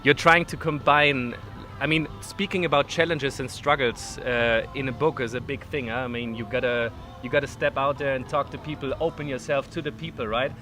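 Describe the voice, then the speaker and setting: A man's voice: medium pitch, steady tone, moderate pace, sharp tone, soft background music. A man interviewing a guest at a festival, upbeat, often using fillers like "I mean". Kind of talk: outdoor interview. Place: outdoors at a lakeside festival.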